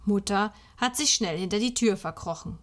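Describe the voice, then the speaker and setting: A woman reading a children's Advent story aloud in slow, clear storytelling. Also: medium pitch.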